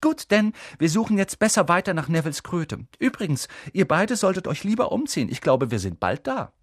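A bossy little know-it-all schoolgirl, put on by a man, her voice pushed way up high and swooping all over. She talks in a commanding, breathless torrent, like she's read every book there is. Dry, close storybook recording. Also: very animated, brisk, dry recording. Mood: lecturing. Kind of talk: audiobook character voice.

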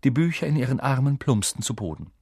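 A man narrating a storybook in a measured, expressive way. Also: medium pitch, husky, dry recording, clean studio sound. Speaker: audiobook narrator.

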